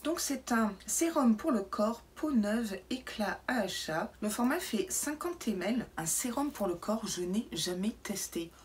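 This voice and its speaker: A woman vlogging an unboxing to camera, chatty and casual, sometimes dropping into soft asides, in a brightly lit indoor room. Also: fairly high pitch, expressive, measured pace, few pauses, a little hiss or hum. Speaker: beauty box unboxing vlogger.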